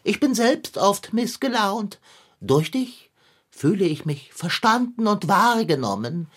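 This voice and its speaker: Pompous philosopher; wordy, lofty delivery, husky tone, mid pitch. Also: female voice, big pitch swings, takes it slowly, exaggerated voice. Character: pompous long-winded philosopher, grumpy at heart. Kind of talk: children's radio play acting.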